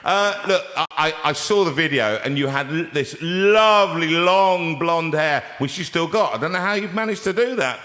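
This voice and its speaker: An older British man hosting a casual, chatty interview in a lively, jokey, rambling way. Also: on the high side, moderate pace, hardly any pauses. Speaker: show host.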